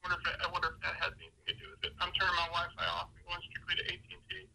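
Man on speakerphone, bright and quick. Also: high-pitched, completely flat delivery, vocal fry, low-quality recording. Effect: heard over speakerphone. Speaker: caller. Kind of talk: casual phone chat.

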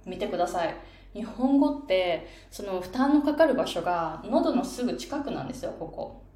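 Lively Japanese-speaking woman pronunciation coach. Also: medium pitch, normal speed, reverberant. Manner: lively, explains while pointing to her face. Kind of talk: casual spoken lesson.

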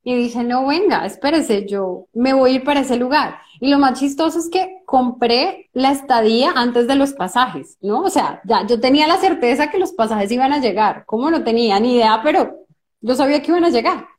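A woman's voice: high-pitched, animated, normal speed, darkish tone. A woman, hosting a podcast, telling a personal story in a chatty way and quoting her own thoughts. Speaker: podcast host. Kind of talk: casual podcast conversation.

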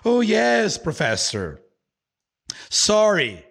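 A man doing a sheepish, excitable student girl. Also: high voice, extremely slow, vocal fry, breathy edge, voice pushed up, heavily acted. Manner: sheepish, apologetic excuse-making. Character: cheerful young woman student, excitable.

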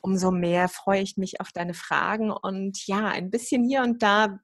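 A woman's voice: mid-range voice, steady tone, unhurried, no echo, studio quality. A woman speaking as a guest in a conversational podcast interview. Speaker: podcast guest, yoga coach.

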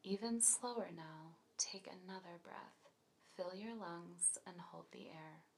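A woman leads a scripted guided relaxation in a soft, breathy, near-whispered voice, giving slow, calm, soothing instructions. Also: lowish voice, slight background noise.

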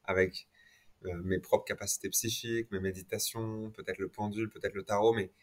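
Lower-voiced man in a reflective conversation. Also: little pitch movement, fairly quick. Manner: sprinkles English words into French. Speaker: interview guest. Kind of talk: reflective conversational interview about personal experience.

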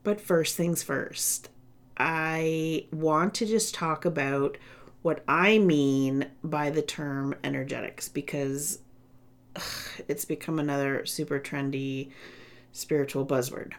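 Woman podcaster w a raspy smokers voice, kinda low, chatty n playful solo talk. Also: steady tone, slow. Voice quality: raspy, ratchety voice, like a smoker's rasp. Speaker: podcast host.

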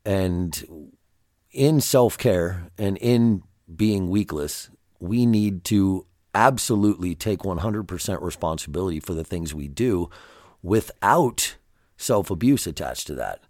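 A man with a gravelly voice, congested from allergies, hosting a self-help podcast in a direct, conversational way that addresses the listener. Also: sits low, lively intonation, slow, darkish tone, no room sound, clean studio sound. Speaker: podcast host.

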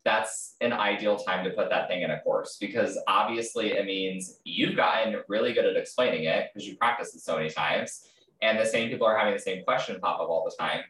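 A man's voice: lowish voice, fairly quick, a bit bright. A man hosting a podcast interview, chatting casually with lots of fillers and restarts. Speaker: podcast host. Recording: roomy sound, distant from mic.

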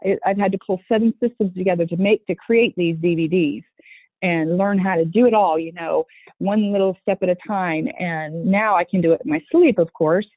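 A woman with a lowish voice talks at a normal speed, with no echo, though the sound is tinny like a phone call. As a guest in a conversational interview, she earnestly discusses running a youth horse program for children, restarting her sentences and putting on voices for quotes.

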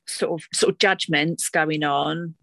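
A woman's voice: deep voice, fairly even intonation, a little slow, gravelly, fairly bright tone, no echo. A woman with an Essex accent in a casual, reflective chat, talking in a chatty, conversational way as an interview guest.

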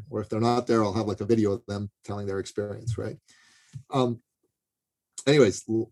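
A man with a husky, slightly breathy voice sitting in a mid-range pitch. He speaks as a podcast guest and business coach, telling a story casually. He leans often on "you know" and "right" as he goes. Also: dark tone.

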